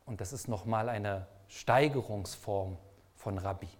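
A man's voice: fairly low pitch, measured pace. A man preaching a sermon, speaking emphatically and asking the listeners repeated rhetorical questions.

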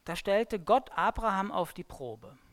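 Woman, sermon-style Bible talk, lively animated pitch, dramatic storytelling, loud-to-hushed swings. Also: unhurried. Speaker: preacher.

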